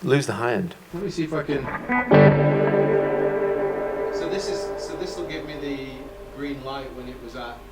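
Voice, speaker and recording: A man's voice: medium pitch, fairly quick. A man giving a guitar masterclass, talking casually and rambling a little, with self-deprecating jokes. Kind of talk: casual explanatory chat.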